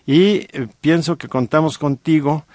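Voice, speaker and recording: A middle-aged man with a Mexican accent, telling a story on a radio talk show with many pauses and fillers. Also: a little high, no room sound. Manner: warm storytelling with frequent fillers. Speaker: guest co-host.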